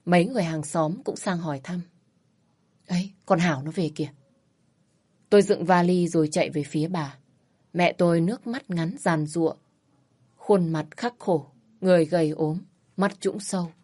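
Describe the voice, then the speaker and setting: A woman narrating a first-person story in a steady, reflective reading voice. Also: lowish voice, moderate pace.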